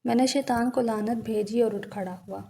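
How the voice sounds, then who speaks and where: A woman's voice: fairly high pitch, steady tone, warm tone, slight background noise. A woman giving an earnest, emotional scripted narration of a first-person moral story.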